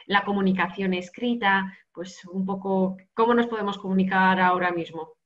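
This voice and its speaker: A woman moderates an online webinar, passing audience questions to the speaker. She pauses now and then with small fillers. The sound is dull and lo-fi. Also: mid-range voice, steady tone, a bit bright. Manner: relays questions, hesitant fillers.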